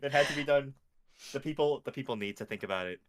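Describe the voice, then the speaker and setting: Chill north american guest on a podcast, mid-pitched, jokey and self-deprecating. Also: fast. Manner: laid-back, self-deprecating, mock-serious. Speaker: guest, VTuber agency manager. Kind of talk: casual podcast chat.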